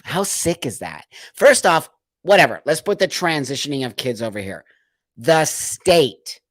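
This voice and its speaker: A man's voice: mid-range voice, fairly bright tone, no echo, studio quality. A man hosting a casual live stream, reading out viewer comments and answering them in an emphatic, emotional way, often repeating phrases for stress.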